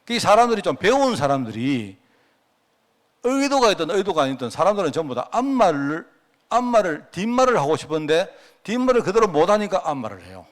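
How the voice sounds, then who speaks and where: A man's voice: high-pitched, very animated, a little fast. A male pastor with a Gyeongsang accent preaching a sermon in a conversational way, often asking the congregation questions. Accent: Gyeongsang Korean.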